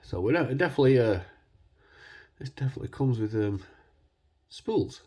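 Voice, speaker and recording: A man congested with a cold, talking casually and hesitantly as he hosts a hands-on demonstration, his voice husky from man flu. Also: mid-range voice, lively intonation, normal speed, dark tone. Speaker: video host.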